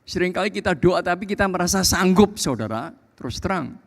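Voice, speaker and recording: An older male pastor with an Indonesian accent delivers a sermon in a large church hall. His voice sits a little high and leaps widely in pitch, dropping to soft asides and rising to loud emphasis. The long reverb of the hall trails each phrase. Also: animated, a little fast. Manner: preaching with big swings between soft low asides and loud high emphasis.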